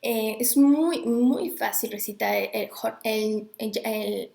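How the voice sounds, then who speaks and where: A woman's voice: on the high side, takes it slowly, creaky, darkish tone, reverberant. A woman talking casually to viewers, chatty and digressive, stopping to greet people as she goes. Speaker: host. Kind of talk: casual live talk on Sanskrit recitation.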